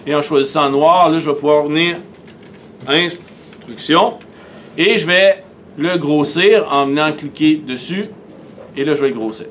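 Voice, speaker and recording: Québécois man, fairly high voice, patient step-by-step screen tutorial, faint background noise. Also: unhurried, long pauses, a bit bright. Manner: methodical, step-by-step, talks through each click. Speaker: teacher. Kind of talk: screen-recorded software tutorial.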